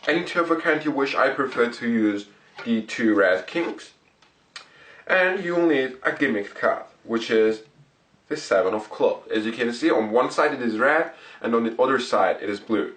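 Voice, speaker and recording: Man, magic tutorial presenter, deliberate explanatory delivery, short phrases, medium pitch, roomy distant recording. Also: animated, fairly bright tone. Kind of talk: card trick performance and step-by-step tutorial. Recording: roomy echo, distant microphone.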